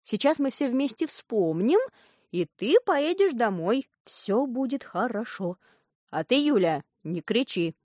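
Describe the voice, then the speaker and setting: A woman's voice: fairly high pitch, very animated, measured pace, darkish tone, dry recording, studio quality. A woman voicing a bossy, scheming male doctor who gives curt orders in an audiobook. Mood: falsely soothing. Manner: curt and commanding. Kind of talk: audiobook reading.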